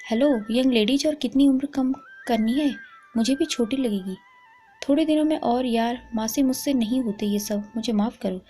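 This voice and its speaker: A woman's voice: on the high side, moderate pace, mellow, soft background music, lightly acted. A woman voicing a cheerful young college woman, a playful daughter.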